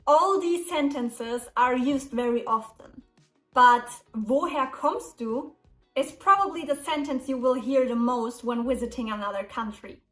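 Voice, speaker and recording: High-pitched woman, unhurried teacher, echoey room, mic a bit far off, light music underneath. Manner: slow, careful explanations. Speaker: German language teacher. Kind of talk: English lesson with German example dialogues.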